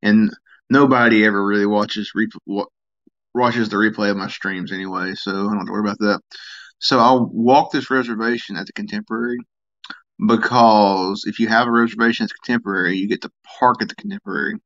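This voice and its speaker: A sleepy man with a drawl and a lowish voice chats his way through a live stream. He rambles in a relaxed way, answering viewers' comments. The sound is a bit dull and lo-fi. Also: a little fast. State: tired, yawning.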